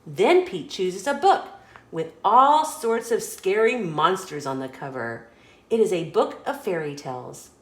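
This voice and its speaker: A woman with a fairly low voice reads a picture book for children as a story host, deliberate and expressive in her storytelling. The sound is roomy.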